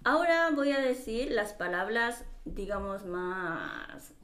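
A Japanese woman with a Japanese accent running a casual word-guessing game, playfully prompting and repeating words slowly. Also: mid-range voice, very animated, a bit bright, reverberant. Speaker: quiz giver.

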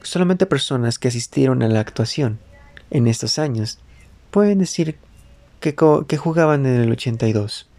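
A man narrating a life story in the first person, reading phrase by phrase with some halting self-corrections and words dropped to a whisper. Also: mid-range voice, lively intonation, mellow, no room sound.

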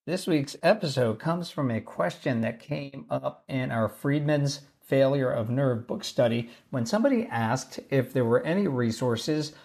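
A man with a mid-range voice hosts his own podcast, explaining ideas in a calm and measured way. He is recording away from home on a basic video-call mic, so the sound comes across as a low-quality stream rather than a clean studio recording. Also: gravelly. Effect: lower-quality laptop mic instead of his usual studio mic. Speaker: podcast host. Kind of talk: solo podcast talk on leadership. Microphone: basic mic normally used for video calls.

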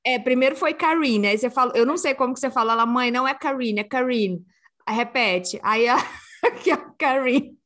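A woman's voice: high voice, fairly quick, a bit bright. A middle-aged woman, co-hosting a casual podcast chat and acting out quoted dialogue as she tells a story. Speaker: podcast co-host. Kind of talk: casual chat among friends.

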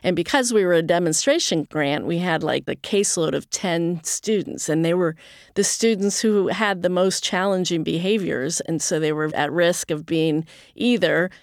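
A woman's voice: on the low side, moderate pace, no room sound, clean studio sound. A woman in her sixties, a guest on an interview, explaining things earnestly in a conversational way. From United States. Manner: earnest and explanatory, with occasional laughs. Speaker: nonprofit chief executive, guest.

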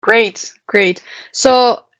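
A woman hosting a podcast interview, asking questions in a hesitant, halting way. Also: a little high, no echo. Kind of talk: conversational interview.

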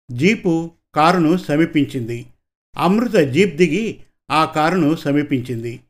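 A man narrating a serialized story in a steady, clear reading voice. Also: on the high side. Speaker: story reader.

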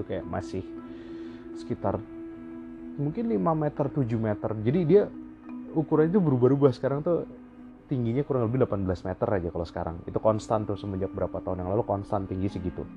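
A man telling a personal story in an animated way, repeating phrases for emphasis. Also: fairly low pitch. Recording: lo-fi audio with music bed.

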